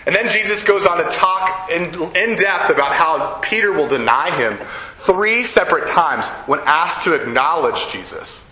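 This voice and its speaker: A man's voice: fairly high pitch, expressive, normal speed, crowd noise. A man giving a conversational, joking sermon as a preacher, often checking in with his listeners. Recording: echoey room.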